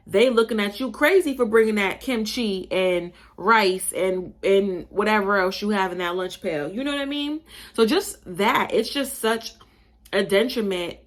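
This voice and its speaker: A young adult podcast host from Buffalo, New York, delivers a casual opinion monologue in a mid-range voice. Her accent has a slight Southern tinge, and she is animated, emphatic and chatty, addressing listeners as y'all.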